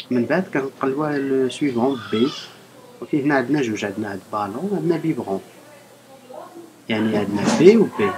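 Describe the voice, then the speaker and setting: A woman's voice: very deep voice, a little hiss or hum, rough recording. A woman with a Moroccan accent teaching a primary school French lesson, patiently spelling words out letter by letter.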